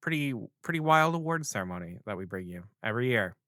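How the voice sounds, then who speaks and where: A man's voice: mid-range voice, big pitch swings, fast, a bit bright, no echo, studio quality. A man co-hosting a podcast, chatting casually in a playful, jokey way. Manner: playful, jokey, emotional when telling a story. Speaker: podcast co-host.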